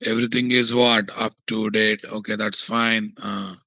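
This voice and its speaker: Telugu accent guy doing a software tutorial, bright voice, close dry sound, keeps quizzing as he goes. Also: lowish voice, flat delivery, moderate pace, creaky, no echo. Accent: Telugu Indian English. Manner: asks and answers his own checking questions. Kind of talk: screen-recorded tutorial, thinking aloud.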